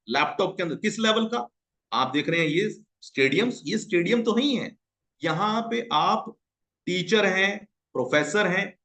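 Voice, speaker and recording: In a slightly bright voice, a man delivers a hyped-up, salesy screen-share pitch for an online business, constantly addressing his viewers as friends.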